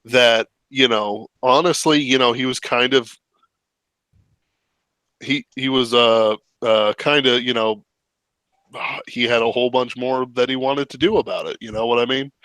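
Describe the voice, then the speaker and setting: A man co-hosting a casual livestream chat, retelling scenes in a rambling, animated way. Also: mid-range voice, unhurried, smooth, dry recording. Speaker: podcast co-host.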